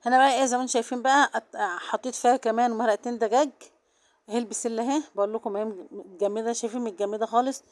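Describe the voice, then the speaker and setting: A woman with an Egyptian Arabic accent and a soft, low-volume voice, chatting directly to viewers in a casual vlog. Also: fairly even intonation, racing. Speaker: vlogger.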